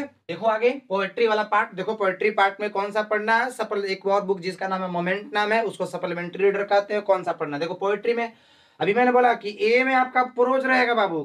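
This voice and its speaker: A man's voice: high-pitched, fairly bright tone, distant mic. A man teaching a class lesson, often asking rhetorical questions and repeating his points.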